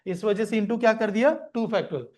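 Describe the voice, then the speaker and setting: A man's voice: high-pitched, normal speed, a little mellow. A man teaching math in a classroom lecture, asking questions and answering them himself.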